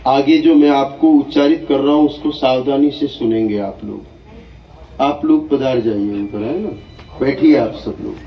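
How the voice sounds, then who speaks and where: A man acting as a guru at an initiation ceremony, giving slow, deliberate spiritual instruction and often checking that listeners follow. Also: medium pitch. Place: hall at an initiation gathering. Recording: echoey, dull, distant hall recording.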